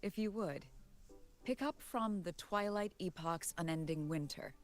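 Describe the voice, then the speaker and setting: A woman voicing a composed female professor who lectures in a calm, measured way. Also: on the low side, soft background music, close to an everyday voice. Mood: lecturing. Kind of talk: game voice acting.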